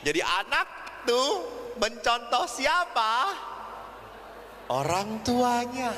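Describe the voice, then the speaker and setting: Animated priest preaching in an echoey hall. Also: male voice, very high voice. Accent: Indonesian. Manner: animated storyteller acting out dialogue and sound effects. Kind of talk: sermon with humorous stories. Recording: echoey hall with faint ambience.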